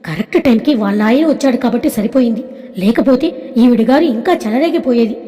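A woman's voice: on the high side, expressive, brisk, warm tone, natural voice. A woman voicing an elderly woman onlooker who disapprovingly comments on a quarrel. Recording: long reverb.

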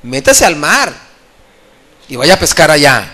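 A male evangelist preaching a sermon at a church convention, impassioned, calling for applause and swinging between loud and soft. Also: on the high side, sing-song, unhurried.

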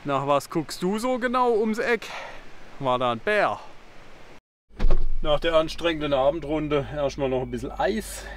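A man's voice: fairly high pitch, lively intonation, unhurried, long pauses, a little hiss or hum. A man in his forties, a travel vlogger, talking casually and jokingly to a handheld camera at a forest campsite and in his camper van. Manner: chatty, jokey, talks to his camera and his teddy bears. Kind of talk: casual vlog narration. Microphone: handheld camera at arm's length.

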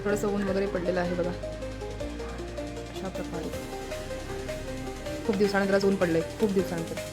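A woman's voice: medium pitch, little pitch movement, a little slow, loud music behind the voice. A woman vlogging at home, chatting casually and pointing things out to her viewers. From Maharashtra. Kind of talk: casual home vlog narration.

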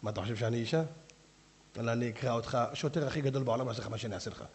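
A man putting on a tough policewoman who threatens in a low, menacing growl. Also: in a large hall, natural voice. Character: tough policewoman acting harder than men.

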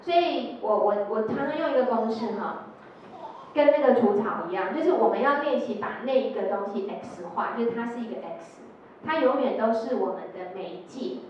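Woman, Taiwanese Mandarin accent, educator, lively storytelling, high-ish voice, far-off echoey lo-fi hall sound. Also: normal speed, slight background noise. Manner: storytelling, acting out quotes, tag particles. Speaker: educator leading a workshop. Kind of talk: lecture with told anecdotes.

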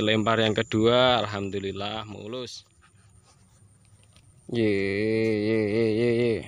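A man chatting casually in a vlog outdoors in a rice field, breaking into coaxing high calls to his pet bird. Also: pushed and bright, clear, resonant tone. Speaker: bird keeper vlogger.

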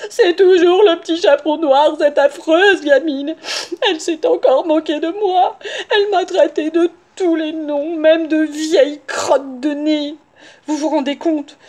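A woman's voice: high voice, fairly even intonation, measured pace, a little mellow, voice pushed up. A woman voicing a whiny, sobbing male wolf in a children's story, tearful and later sugary sweet. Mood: sobbing complaint.

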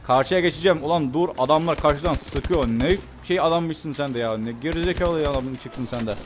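Young guy doing lets play commentary, jokey and loud at times, gunfire going off behind him. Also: on the high side, fairly quick, slight background noise. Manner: joking, excitable, swears and yelps during fights. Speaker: gameplay commentator. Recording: game audio with gunfire behind. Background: gunfire and game sounds.

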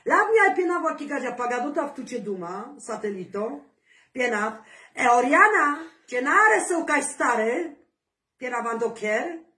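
A woman vlogger chatting casually to her viewers, animated, with sing-song calls and rising exclamations. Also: high-pitched, normal speed. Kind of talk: casual chat to camera. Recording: roomy echo, voice from a distance.

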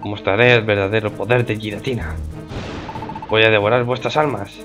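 A man's voice: fairly low pitch, fairly even intonation, moderate pace, loud music behind the voice, lightly acted. A man voicing a menacing ghostly herald villain in a video game, speaking in a theatrical, threatening way.

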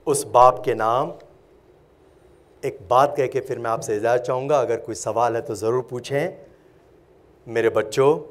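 A man from India giving a motivational workshop talk, telling stories dramatically and swinging between loud and hushed passages. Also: on the high side. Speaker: motivational speaker.

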